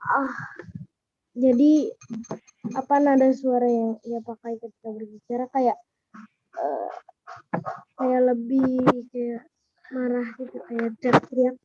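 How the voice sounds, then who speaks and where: Slow-speaking girl on lo-fi audio. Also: a little high, warm tone. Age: child. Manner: slow, hesitant answers. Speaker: pupil. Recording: lo-fi audio with faint noise.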